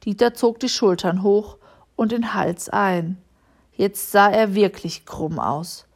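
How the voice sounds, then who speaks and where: A woman calmly narrating a children's storybook chapter. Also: medium pitch, slow. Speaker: audiobook reader.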